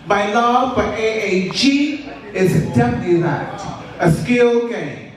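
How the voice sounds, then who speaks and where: A man's voice: sits high, lively intonation, slow. A man giving a formal, declamatory prepared introduction on stage as a pageant contestant. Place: large indoor stage venue. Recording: very echoey hall, distant PA.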